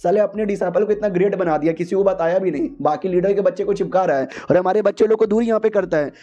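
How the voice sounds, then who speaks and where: Raised and strained, this is a jealous sect elder spitting crude insults, as a narrator puts him on. The voice sits high and carries a mellow, soft-edged tone. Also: male voice, fast, natural voice. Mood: furious, insulting. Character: jealous angry male sect elders, foul-mouthed.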